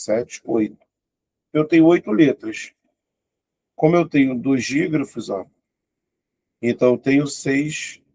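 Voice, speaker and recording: Gravelly male teacher. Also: medium pitch, a little mellow. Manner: informal, thinks aloud, exclaims at tricky items. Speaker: Portuguese teacher. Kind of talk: exam-prep grammar lesson.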